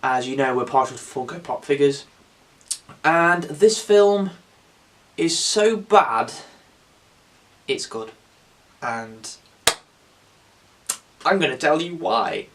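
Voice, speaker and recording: A man casually reviewing a film on his channel, excitable and rambling, with some swearing. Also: on the high side, slow, long pauses, a little hiss or hum.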